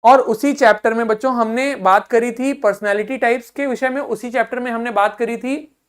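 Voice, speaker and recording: A woman's voice: a little high, moderate pace. A woman with an Indian accent teaching an English vocabulary lesson, repeating each word to drill its pronunciation and asking questions that she answers herself. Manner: asks students questions and answers them herself.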